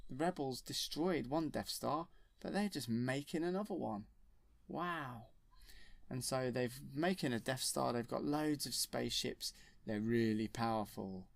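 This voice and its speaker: A man retells a film in a casual, deadpan ramble, full of ums and simple words. His voice sits mid-range and dry, close to the mic with no room sound. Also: medium pitch, creaky, no room sound. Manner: deadpan, childlike plain wording with fillers. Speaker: comedic storyteller.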